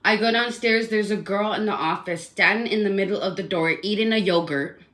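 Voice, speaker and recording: A woman's voice: medium pitch, fairly quick, a bit bright. A woman telling a personal complaint story in a casual, rambling, indignant way, full of fillers.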